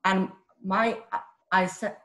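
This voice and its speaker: Delivering a webinar, this Finnish woman works as a technical application scientist and speaks with a Finnish accent, explaining steadily amid many "uh"s and minor self-corrections. She talks slowly in a mid-range, slightly bright voice with fairly even intonation.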